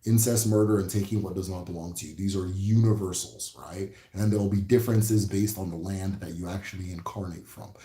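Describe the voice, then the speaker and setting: A spirituality teacher from Igbo, Nigeria, hosts a casual livestream lesson in a low, mellow voice with an Igbo accent, speaking fairly quickly with hardly any pauses. He sounds relaxed and reflective, repeating key phrases and often asking "right?", in roomy, echoey sound.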